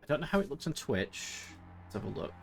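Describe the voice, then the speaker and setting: Man, casual streamer chat, mid pitch, laughs a lot, rambling. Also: very animated, fairly quick, creaky, faint music behind. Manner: chatty, giggly, rambling.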